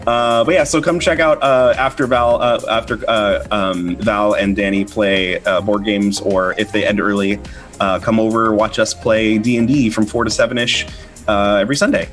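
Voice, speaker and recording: A man's voice: fairly low pitch, fairly even intonation, moderate pace, fairly bright tone, soft background music. A man hosting a casual livestream chat, rambling with fillers and easy laughs. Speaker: host.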